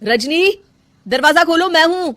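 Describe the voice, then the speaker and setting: A woman's voice: very high-pitched, lively intonation, a little slow, no echo, voice pushed up, heavily acted. A woman voicing a patient young husband who coaxes and pleads with his wife. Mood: pleading. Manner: soft coaxing, pleading questions.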